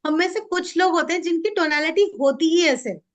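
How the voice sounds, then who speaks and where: High-voiced woman coaching a training group. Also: brisk. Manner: mixes Hindi and English, animated and demonstrative. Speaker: mindset coach and NLP trainer. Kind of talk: interactive training session.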